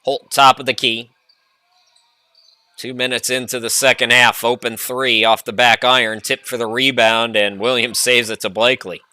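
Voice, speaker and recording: A man calls a basketball game play by play. His voice is bright and forceful, at a middle pitch, and sounds dry and close to the mic. He drifts into chatty side stories between quick calls of the action. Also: clean tone, no room sound. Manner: chatty, rambling asides between excited calls. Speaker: play-by-play announcer.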